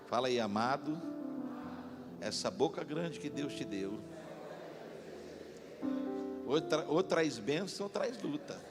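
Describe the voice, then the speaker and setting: A man pastor preaching a lively sermon in a church, leading the congregation to repeat after him. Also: medium pitch, slow pace, long pauses. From Brazil. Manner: animated, call-and-response with congregation. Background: instrumental music.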